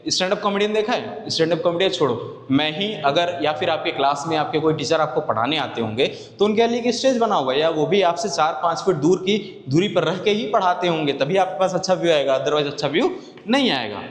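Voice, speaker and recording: A male teacher giving a classroom lecture, asking his students questions and answering them himself, with key terms repeated slowly. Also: fairly high pitch, expressive. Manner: conversational, asks and answers his own questions. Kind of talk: exam-oriented classroom lecture. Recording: echoey room with long reverb.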